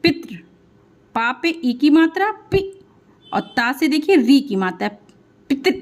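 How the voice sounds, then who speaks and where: Young female teacher, high voice, patient, spells out syllables slowly for young learners. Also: very animated. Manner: patient, spells sounds out slowly, often says sorry and "means". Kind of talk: online Hindi lesson for children.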